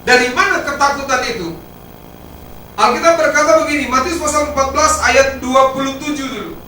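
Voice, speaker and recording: Pastor preaching in an echoey hall. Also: male voice, a little fast, sharp tone, slight background noise. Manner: emphatic, rises and drops sharply in pitch and volume. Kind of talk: sermon. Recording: roomy echo, heard from a distance.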